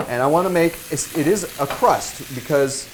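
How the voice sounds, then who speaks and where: A man from Italy cooking in a kitchen, explaining a dish hesitantly, pausing with fillers as he searches for words. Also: on the high side, background noise. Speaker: guest chef and cooking teacher. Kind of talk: cooking demonstration chat. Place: kitchen with food frying.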